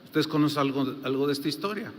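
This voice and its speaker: A man's voice: fairly high pitch, quick pace. An older man with a Mexican accent preaching a sermon as a pastor, telling stories in a conversational way with many fillers. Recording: long hall reverb, faint noise.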